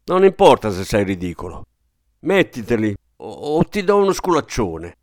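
A man voicing a flustered, irritable father who speaks gruffly and curtly. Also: medium pitch, very animated, moderate pace, a little mellow, dry recording, studio quality, close to an everyday voice. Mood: furious. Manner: gruff, curt, exasperated.

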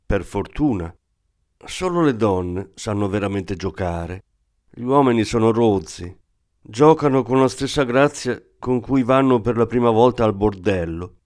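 A man voicing an older former croupier, a German woman who speaks with calm, condescending irony. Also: fairly low pitch, measured pace, no echo, clean studio sound. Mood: sardonic.

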